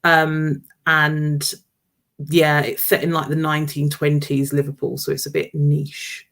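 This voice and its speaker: A woman's voice: low voice, monotone, unhurried, fairly bright tone. Woman in her thirties, student advisor, friendly casual intro, lots of ums. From Jamaica and Nigeria.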